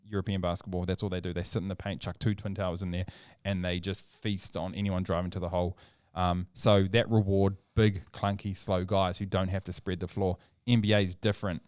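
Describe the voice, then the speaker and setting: Low-pitched and darkish yet clear and resonant, this man's voice barely shifts in pitch as he talks fairly quickly with hardly any pauses. He's a New Zealand co-host on a casual sports podcast, forcefully opinionated and building energy as he argues, recorded dry at studio quality.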